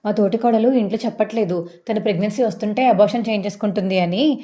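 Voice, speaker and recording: A woman's voice: mid-range voice, quick pace, mellow, lightly acted. A woman voicing a protective older sister who anxiously apologizes for her sibling. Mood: apologetic.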